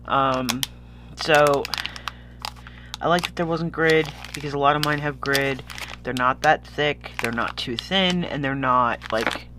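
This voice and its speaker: A man's voice: medium pitch, takes it slowly, noisy background. A sniffly man chatting casually as a vlogger unboxing purchases, rambling and easily losing his thread. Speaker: vlogger showing stationery purchases.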